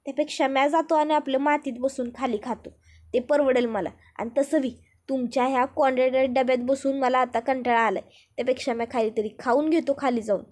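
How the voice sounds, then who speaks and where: A woman's voice: high voice, steady tone, a little fast, darkish tone, close to an everyday voice. A woman voicing a chatty, sly young village woman who talks in rustic speech. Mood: teasing.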